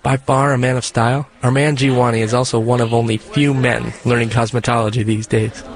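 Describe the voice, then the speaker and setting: A male reporter reads scripted narration for a radio feature. His medium-pitched voice has a measured, even storytelling delivery.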